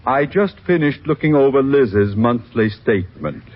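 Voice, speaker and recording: Blustering old bank president. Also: male voice, mid-range voice, sing-song, moderate pace. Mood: exasperated. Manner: blustering, exasperated, condescending. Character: pompous older male bank president. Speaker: actor in a radio comedy. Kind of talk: 1950s radio comedy acting. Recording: dull old 1950s radio recording.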